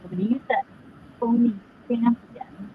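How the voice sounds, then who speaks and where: Woman crafter, off-mic and muffled underwater-sounding, halting chatter, thin phone-like call audio. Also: a little high. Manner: rambling, halting with ums. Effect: muffled underwater-sounding voice, away from the mic. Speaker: crafter demonstrating gel printing. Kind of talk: casual crafting chat on a call. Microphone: video call. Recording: tinny video-call line with faint noise.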